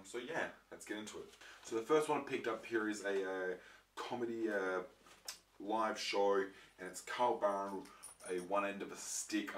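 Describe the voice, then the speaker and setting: A low-pitched young man with a croaky voice caused by a throat infection chats casually to camera, showing viewers his disc collection. He rambles, with many ums and restarts. The sound is roomy, with faint noise and a far-off mic.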